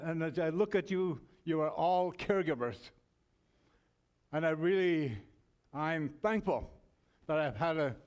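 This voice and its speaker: A man co-hosting a forum, giving closing remarks with a rambling, storytelling manner full of restarts. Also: a little high. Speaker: forum co-host.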